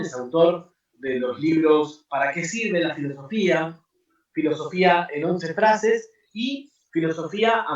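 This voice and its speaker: A man moderating an online conference, introducing the next speaker in a friendly, measured way with small tag fillers. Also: fairly high pitch. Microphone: video call. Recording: echoey, distant, lo-fi call audio.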